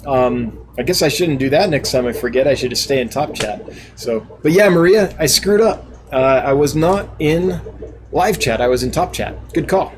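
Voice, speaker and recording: A man's voice: medium pitch, lively intonation, normal speed, slight background noise, poor audio. A man hosting a casual live stream, reading out viewer comments and answering them in a chatty, laughing, self-deprecating way. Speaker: live stream host and fish seller.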